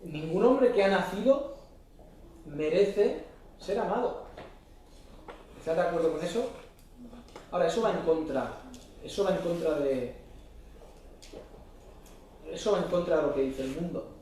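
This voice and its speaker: A man's voice: high-pitched, lively intonation, measured pace, long pauses, darkish tone, slight background noise. A man preaching a sermon in church, often asking the congregation short questions. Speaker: pastor. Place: church hall. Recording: echoey church hall, mic at a distance.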